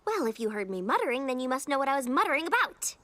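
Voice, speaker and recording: A woman's voice: sits high, sing-song, quick pace, bright, forceful tone, slight background noise, full character voice. A woman voicing a bookish, fussy young female unicorn in a cartoon, earnest and lecturing, with music behind.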